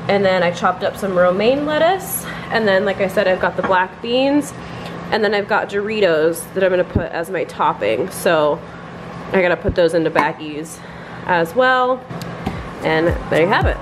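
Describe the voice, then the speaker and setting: A woman's voice: fairly low pitch, expressive, moderate pace. A young woman in her twenties chatting casually as she talks through her cooking in a home kitchen, filming herself at arm's length. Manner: chatty, filler-heavy, explaining as she cooks. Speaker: lifestyle vlogger. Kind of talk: casual vlog narration. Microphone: phone or camera held at arm's length. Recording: noticeable kitchen background noise.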